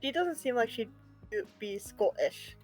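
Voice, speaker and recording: A woman's voice: on the high side, animated, unhurried, faint music behind. A woman streamer chatting casually and enthusiastically while playing a game.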